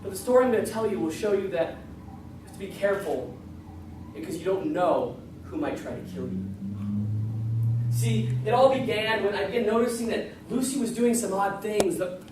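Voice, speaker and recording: A man's voice: sits high, expressive, moderate pace. A man tells a folksy tall tale in a very echoey room, picked up from a distance. His delivery is comic and dramatic, acting out the dialogue as he goes, with faint noise behind him. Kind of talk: folksy tall tale told live on stage. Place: large echoey room, live before an audience.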